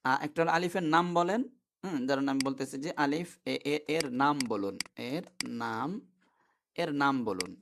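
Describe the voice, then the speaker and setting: A man's voice: fairly high pitch, slight background noise. A man teaching an online class, who explains step by step and keeps asking his students questions.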